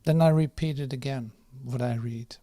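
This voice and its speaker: A man guiding a meditation and slowly reading a prayer, soft and unhurried, with pauses and fillers. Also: medium pitch, no room sound, clean studio sound. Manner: reads the prayer slowly and firmly. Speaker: meditation guide. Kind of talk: guided meditation.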